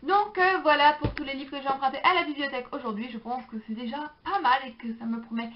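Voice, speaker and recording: A young woman with a fairly high voice chats casually to her camera, hesitating often and filling the gaps with little pauses. The recording sounds a bit dull and lo-fi. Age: young adult. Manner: chatty, hesitant, many fillers. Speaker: book vlogger. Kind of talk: casual chat.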